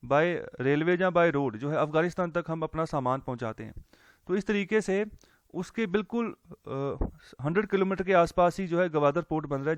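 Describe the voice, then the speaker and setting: A man's voice: a little high, smooth, dry recording. A man teaching economics in a casual lecture, walking through a newspaper editorial in a conversational way, with lots of fillers and English terms mixed in.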